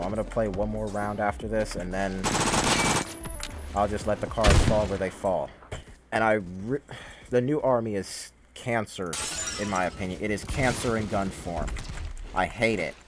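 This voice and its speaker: Young man, casual gaming commentary, slightly low pitch, grumbling, game gunfire, noisy recording. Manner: weary grumbling, swearing. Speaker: gaming video host. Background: video game gunfire.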